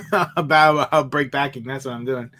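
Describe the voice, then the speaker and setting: Man, 40s, stream host; easygoing chat, quick laughs, reads viewer comments aloud. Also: medium pitch, sharp tone. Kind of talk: casual livestream chat.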